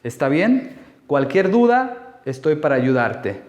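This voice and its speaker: A man teaching a language lesson, explaining rules slowly and patiently, step by step. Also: a little high, sing-song, darkish tone, echoey room.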